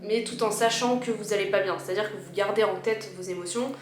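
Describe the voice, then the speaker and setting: A woman's voice: mid-range voice, a little fast. A woman with a slightly worn voice, explaining personal advice informally and chattily to her viewers. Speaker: video creator giving personal advice. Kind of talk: casual advice vlog, chatty. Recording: roomy echo with music behind.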